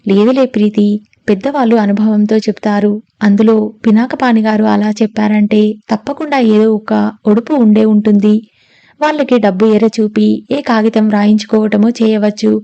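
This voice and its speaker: A woman reading the part of a calm male lawyer who soothes and reasons gently in a storybook reading. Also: medium pitch, moderate pace, dry recording, muffled recording, lightly acted.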